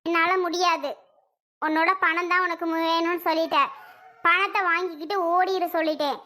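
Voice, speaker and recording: Squeaky high woman doing a worried cartoon mother. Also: level tone, moderate pace, sharp tone. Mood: scolding. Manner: pleading, then scolding sharply. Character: worried mother defending her daughter. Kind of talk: Tamil cartoon dubbing.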